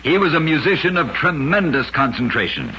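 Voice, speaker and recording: Bright and forceful, a man's fairly high voice swings widely in pitch as he narrates short oddity tales fairly quickly, delivering his radio-host script with drama and emphasis. The lo-fi vintage radio recording is noisy and band-limited.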